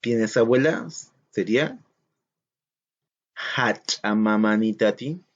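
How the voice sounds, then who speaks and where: A man's voice: fairly low pitch, slow pace. Patient male teacher, slightly dull audio. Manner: patient, counts aloud and asks questions to the class. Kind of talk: recorded classroom lesson.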